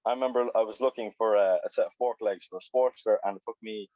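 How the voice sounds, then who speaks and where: A man's voice: fairly low pitch, fairly even intonation, fast, crowd noise. A man, chatting casually and rambling about motorbikes on a video call. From Ireland. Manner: rambling, swears then apologizes. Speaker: biker guest on a video call. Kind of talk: casual chat. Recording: dull lo-fi video call audio.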